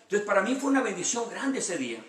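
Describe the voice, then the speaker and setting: A man's voice: high voice, sing-song, fast talker, roomy sound. A man, a pastor giving a sermon with his own testimony, earnest and repeating phrases for emphasis. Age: 50s.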